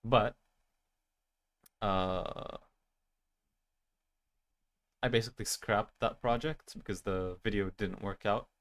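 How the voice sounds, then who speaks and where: A youthful-sounding man who streams games with an animated avatar chats casually with viewers at the end of a stream. His voice is on the low side, and he talks slowly, pausing often as he rambles in a self-deprecating way.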